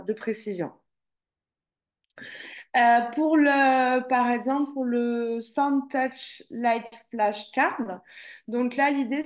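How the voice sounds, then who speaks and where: A woman trainer presenting a webinar, talking through it with many fillers and restarts. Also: a little high. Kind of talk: online presentation.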